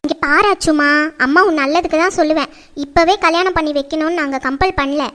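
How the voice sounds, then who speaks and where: Casting: woman as fretful, lecturing mother, very high and piercing, family drama. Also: steady tone, a little fast, fairly bright tone. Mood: persuading. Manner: scolding, lecturing. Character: nagging middle-aged mother, strict and fretful.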